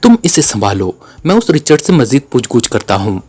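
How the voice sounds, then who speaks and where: A man's voice: mid-range voice, big pitch swings, fairly quick, darkish tone, breathy edge. A man voicing a cold, commanding secret agent in a spy story read aloud. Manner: cold, serious delivery.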